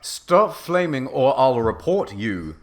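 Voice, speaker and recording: A man's voice: mid-range voice, big pitch swings, slow, pitched above the performer's own voice. A man voicing a whiny, defensive teenage girl writer who drags out her words in petulant indignation. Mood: indignant.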